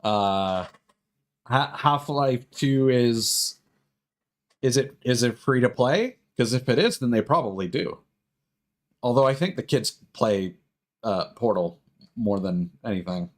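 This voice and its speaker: Over game music, a man livestreams a video game, chatting casually and thinking out loud in a hesitant, rambling way. His voice is medium-pitched and expressive, and he speaks slowly with long pauses.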